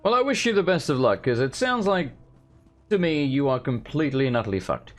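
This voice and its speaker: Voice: medium pitch, big pitch swings, brisk, faint music behind. A game player giving casual, sarcastic, wisecracking commentary with some swearing. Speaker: let's player.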